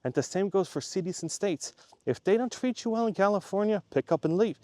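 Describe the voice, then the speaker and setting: Expressive and a little fast, a Swiss YouTube creator speaks straight to his viewers in a loose, chatty ramble, repeating the same point for emphasis. His slightly mellow voice sits a bit higher than most men's. The audio is dry and close with no room echo.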